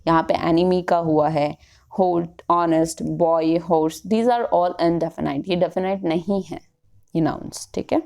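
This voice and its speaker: A woman with an Indian English accent teaches a grammar lesson, speaking slowly and patiently. Her voice is mellow and sits a little low. She keeps checking in with her listeners as she goes. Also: fairly even intonation, vocal fry. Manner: explains slowly, mixing Hindi and English, often checking "ठीक है".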